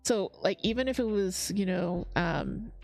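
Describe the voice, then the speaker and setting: A woman's voice: medium pitch, measured pace, vocal fry, a little mellow, soft background music. A woman hosting a crafting livestream, chatting casually, reading chat comments aloud and laughing often. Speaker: livestream host.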